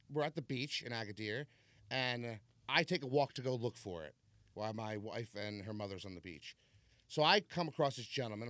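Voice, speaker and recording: A man's voice: mid-range voice, a bit bright, no room sound. New guy on a podcast spinning a story, super casual, lots of "like", dry sound. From New York. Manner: rambling, laid-back storyteller with frequent "like" and "so". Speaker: podcast guest.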